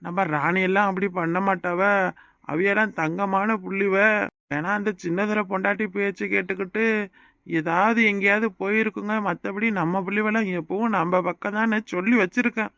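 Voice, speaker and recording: A man's voice: high-pitched, fairly even intonation, fairly quick, creaky, pushed and bright, dry recording, clean studio sound, full character voice. A man voicing a patronizing middle-aged party fixer in a cartoon, with a southern Tamil Nadu rural accent. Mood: persuading. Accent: southern Tamil Nadu rural dialect. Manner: patronizing, persuasive. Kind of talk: cartoon voice acting.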